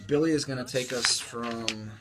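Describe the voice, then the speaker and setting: A man hosting a radio show in the studio, announcing loudly and then chatting casually with his co-host. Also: mid-range voice, normal speed, heavy background noise. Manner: loud, upbeat announcing, then relaxed banter. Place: radio studio with a speaker playing. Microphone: studio mic with headphones.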